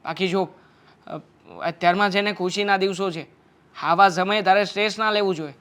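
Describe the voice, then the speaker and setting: A man's voice: high voice, fairly even intonation, a little fast, a bit bright, clear, resonant tone. Guy playing a laid-back young husband, shrugs everything off, family drama. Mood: placating. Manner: breezy, dismissive. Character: carefree young husband, dismissive and easygoing.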